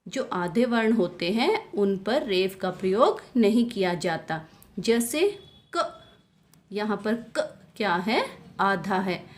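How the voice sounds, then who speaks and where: A woman's voice: medium pitch, expressive, takes it slowly. A woman teaching a grammar lesson to a class, patiently asking questions and answering them herself. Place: school classroom. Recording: echoey room, voice from far off.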